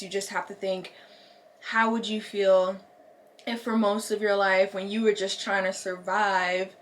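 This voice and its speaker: Chatting casually with her vlog viewers, a young American woman who makes lifestyle content draws out words for emphasis. Her voice is mid-range with a fairly bright tone.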